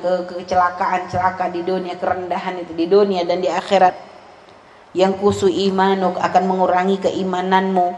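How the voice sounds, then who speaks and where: An Islamic religious teacher with a Javanese accent gives a lesson to women, reciting Arabic lines and translating them with chatty asides. Her voice is low and darkish, recorded in an echoey hall with faint background noise.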